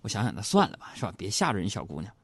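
A man telling comic stories in a lively stand-up monologue, acting out other people's voices. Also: lowish voice, very fast, husky, dry recording. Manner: animated storytelling, acts out other voices. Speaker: comedy radio host.

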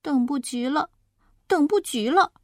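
A woman voicing an impatient, careless schoolboy in a children's story, talking quickly and fretfully. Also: high-pitched, expressive, no echo, studio quality, voice pushed up. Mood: sulky.

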